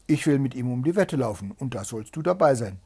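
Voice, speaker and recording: A man doing a gruff, sly little hedgehog. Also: mid-range voice, lively intonation, brisk, mellow. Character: crafty, stubborn little male hedgehog.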